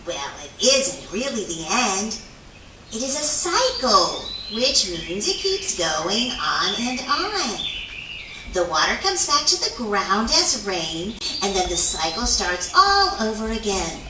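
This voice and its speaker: Woman as bright, showy otter guide. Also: medium pitch, sing-song, slow, a little hiss or hum, heavily acted. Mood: grand, encouraging. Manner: theatrical, teacherly. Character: showy, wise otter guide named Walter, male. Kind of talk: children's puppet show acting. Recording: echoey, distant microphone.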